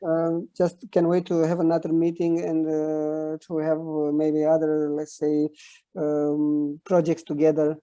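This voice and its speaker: A man with a Romanian accent, a native Romanian speaker, chatting casually as an interview guest and haltingly searching for words. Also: a little high, monotone, dark tone, clear, resonant tone, dry recording, highs cut off.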